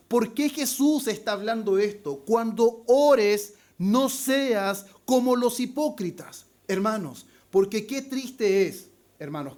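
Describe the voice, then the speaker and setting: Man, pastor, high-pitched voice, emphatic sermon delivery, slows and swells on quoted verses. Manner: emphatic preaching, addresses listeners as brothers; slows down and rises in volume on scripture quotes. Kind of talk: expository sermon.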